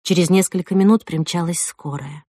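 A woman narrating a first-person audiobook in an expressive way. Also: lowish voice, moderate pace, no echo, clean studio sound. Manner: expressive, rising with the drama.

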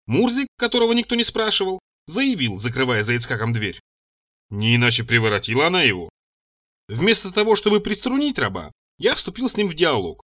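A man's voice: high-pitched, huge pitch swings, a little fast, hardly any pauses, fairly bright tone. A man narrating an audiobook in the first person, telling the story expressively. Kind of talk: audiobook reading.

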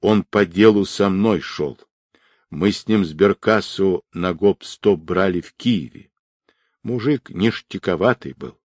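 A man voicing a calm, seasoned ex-convict who speaks quietly in laconic criminal slang. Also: low voice, slow pace, no room sound.

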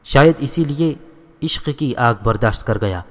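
A man narrating a novel in a steady, even storytelling manner. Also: mid-range voice, big-room sound.

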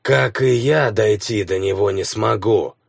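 A man voicing a dying old male warlock, a village elder who speaks in slow, wheezing, strained phrases. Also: fairly low pitch, creaky, breathy edge, no echo, clean studio sound, full character voice. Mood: bitter, grim. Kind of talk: audiobook character voice.

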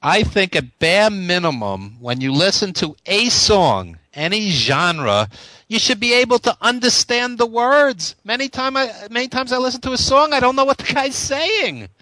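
Male radio host, Brooklyn accent, higher-pitched and forceful, chatty, casual interviewing style. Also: sing-song, normal speed, dry recording. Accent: Brooklyn, New York.

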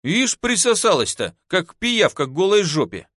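Brief: a man playing a fretful, whining young henchman, pitched high and pleading. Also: big pitch swings, moderate pace, a bit bright, dry recording, clean studio sound, exaggerated voice. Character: timid young male sidekick, whiny and fretful.

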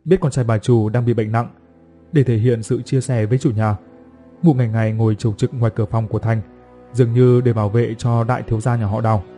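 Mellow-voiced male storyteller. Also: medium pitch, steady tone. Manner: measured, dramatic storytelling with voiced dialogue. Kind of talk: scripted narration of a folk horror story. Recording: faint music underneath.

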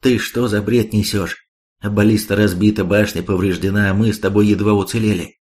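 A man's voice: on the low side, steady tone, a little fast, natural voice. A man reading a sardonic, blunt warrior. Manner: sharp-tongued, mocking.

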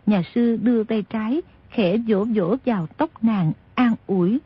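A woman narrating a novel aloud in steady, expressive storytelling. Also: medium pitch, unhurried, slightly rough, no echo. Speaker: audiobook narrator. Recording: dull lo-fi audio.

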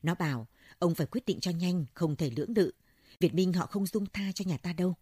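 An uneasy old landowner, read by a woman narrator, pleads politely for guidance. The low, husky voice stays dry and close. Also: a little fast, mellow, no echo. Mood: worried. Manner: pleading, deferential. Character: old wealthy landowner, anxious, respectful to monk.

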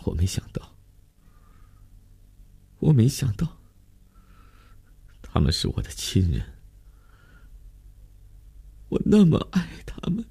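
A young woman facing a court verdict, her speech breaking into sobs, pitched high and strained, as a deep-voiced man acts her out. Her words come out choked, soft and halting. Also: wildly swooping pitch, vocal fry, breathy edge, in a whisper, exaggerated voice. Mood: choked sobbing. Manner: choked, broken sobbing.

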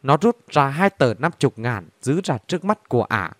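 Guy reading a dark story aloud, really lively and dramatic, dry close mic. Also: medium pitch, moderate pace, dry recording. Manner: animated, dramatic. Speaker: audiobook narrator. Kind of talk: expressive story narration.

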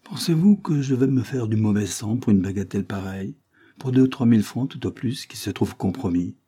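A man voicing a brisk, impatient lawyer who speaks curtly in a storybook reading. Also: lowish voice, animated, warm tone, slightly rough. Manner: curt, impatient. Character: brisk, impatient middle-aged male lawyer.

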